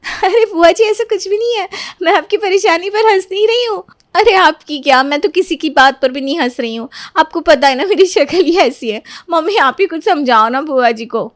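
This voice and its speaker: A woman's voice: high-pitched, animated, normal speed, hardly any pauses, fairly bright tone, no room sound, studio quality. A woman voicing a cheerful young woman in a cartoon story, who talks lightly and easily. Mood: pleading. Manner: light, easygoing, pleading. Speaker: Sonia, the niece.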